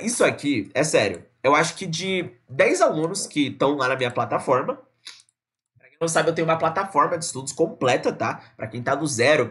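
A man from Brazil teaching a live online English lesson, casual and chatty, repeating words slowly to model pronunciation. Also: on the high side, a bit bright. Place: indoors at a computer, streaming live.

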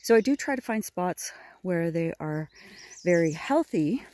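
With birds singing in the background, a lowish-voiced middle-aged woman walks her riverside spring woodland and casually explains foraging. She speaks gently and admiringly at an easy pace into a phone camera held out at arm's length.

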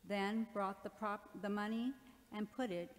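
A middle-aged woman reads scripture and psalms as a church lector, measured and deliberate. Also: mid-range voice, steady tone. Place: large church, at the ambo. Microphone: lectern microphone. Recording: long reverb of a church.

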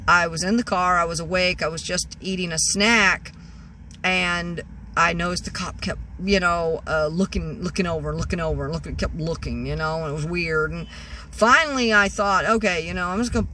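Here the woman in her sixties sounds lowish yet bright and forceful, rambling through a casual story inside her parked car. The phone, held at arm's length, gives a rough recording with a little hiss or hum, and she's constantly restarting and saying "you know."

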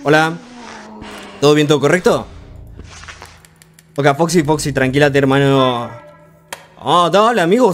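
A young man giving frantic live commentary on a horror game, urging himself on with rapid repeated words and joking with the game's characters. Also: fairly high pitch, a little hiss or hum. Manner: jokey, talks to the game's characters. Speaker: gaming streamer.

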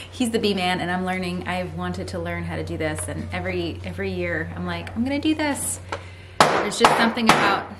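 A woman's voice: fairly low pitch, moderate pace. Chatty woman vlogging in a noisy barn. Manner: chatty, self-deprecating, explains while working. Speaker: homesteading vlogger. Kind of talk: casual how-to chat. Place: large barn indoors. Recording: loud background noise.

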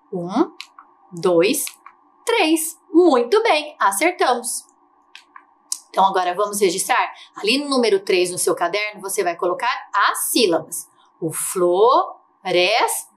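A Brazilian woman teaching a lesson to young children, drawing out key words slowly in a sing-song way. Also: mid-range voice, fairly bright tone. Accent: Brazilian Portuguese. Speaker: primary school teacher.

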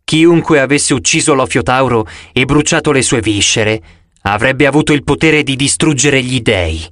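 A man's voice: medium pitch, normal speed, fairly bright tone, no room sound, studio quality, lightly acted. A man voicing a proud young immortal huntress who speaks in grave, old-fashioned phrases, in an audiobook. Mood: solemn.

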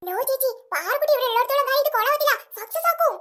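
A woman's voice: extremely high pitch, animated, racing, sharp tone, exaggerated voice. A woman voicing a curious, cheeky little girl in a cartoon. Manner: cheeky, inquisitive. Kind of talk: cartoon voice acting.

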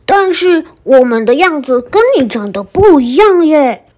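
A woman voicing a group of eager little tadpoles in a storybook, calling out in a bright, squealy, childlike way. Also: high-pitched, sing-song, a little slow. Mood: polite asking.

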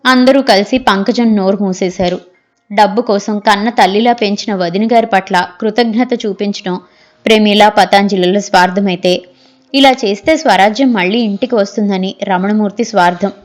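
A woman reads a novel aloud as an audiobook narrator, telling the story steadily at an even pitch. Faint music sits underneath her voice. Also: moderate pace.

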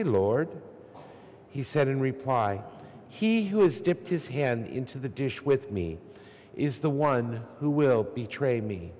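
A man's voice: medium pitch, a little mellow. Man reading scripture in cathedral echo. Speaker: clergyman reading the Gospel at Mass. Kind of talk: solemn liturgical scripture reading. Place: large church, at lectern. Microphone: lectern microphone. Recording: cathedral-like echo, long church reverb.

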